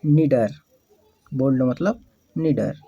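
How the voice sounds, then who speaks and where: A man's voice: mid-range voice, takes it slowly, warm tone, husky, dry recording, highs cut off. A man teaching English phonics step by step, spelling out letters and quizzing the viewer with repeated questions.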